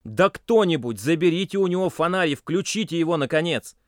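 A man's voice: mid-range voice, lively intonation, moderate pace, no room sound, clean studio sound, lightly acted. A man voicing a bossy boy who gives curt, demanding orders. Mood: shouting. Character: bossy commanding boy leader.

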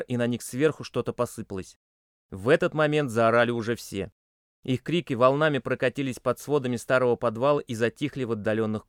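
A man reading a suspenseful audiobook with tense, expressive storytelling into a close mic. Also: mid-range voice, no echo. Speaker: narrator. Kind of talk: dramatic audiobook narration.

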